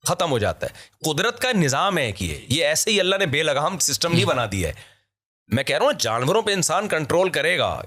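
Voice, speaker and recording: A man from Pakistan, a vlogger, talking in a casual discussion as an animated, emphatic storyteller who laughs often. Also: a little high.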